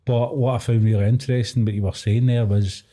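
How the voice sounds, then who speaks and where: Husky, dark-voiced Scottish man. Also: mid-range voice, fairly even intonation, fairly quick. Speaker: podcast cohost. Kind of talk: casual chat.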